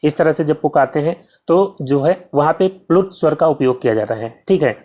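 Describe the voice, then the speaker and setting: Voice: mid-range voice, a little fast, warm tone. A Hindi teacher giving an exam-prep lesson, drilling points by asking questions and answering them, with the filler "जो है" in almost every sentence. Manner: heavy use of filler "जो है".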